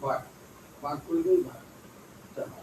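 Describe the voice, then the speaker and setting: A woman at home calming and scolding quarreling siblings. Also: measured pace. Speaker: family member. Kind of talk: casual family chat. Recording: distant roomy noisy phone audio.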